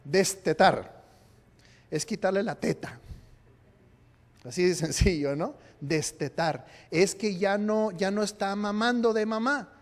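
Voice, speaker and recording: A man preaches from a church sanctuary in a high-pitched voice, speaking a little slowly. He is a pastor with a playful touch, joking with the congregation and quizzing them. Long reverb from the hall surrounds his words.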